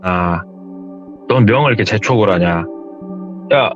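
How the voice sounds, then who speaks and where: A man's voice: lowish voice, normal speed, lightly acted. A man doing a coldly mocking male thug. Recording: dull lo-fi audio with music.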